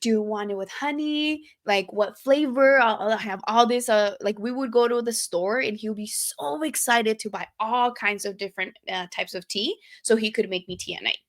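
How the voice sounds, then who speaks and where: A young woman co-hosting a podcast, telling personal stories in a candid, profane, animated way. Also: mid-range voice, normal speed, hardly any pauses. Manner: candid, profane, acts out quoted lines animatedly. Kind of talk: casual storytelling chat.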